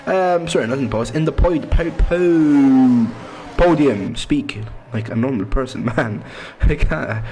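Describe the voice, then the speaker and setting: A man's voice: mid-range voice, animated, moderate pace, few pauses, darkish tone, slight background noise. A man giving casual commentary on an online racing league, rambling, stumbling over names and words, with his voice cracking. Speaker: race commentator.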